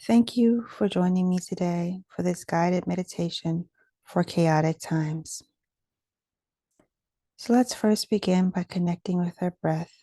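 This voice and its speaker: In a dry recording, a woman with a lowish voice leads a guided meditation, soft and calming, unhurried and measured, pausing between each phrase.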